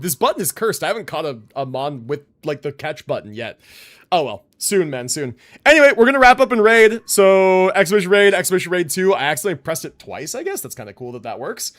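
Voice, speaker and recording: A young man with a high, somewhat bright voice chats casually with his livestream viewers as a game streamer. His talk is informal and rambling, and he swears freely.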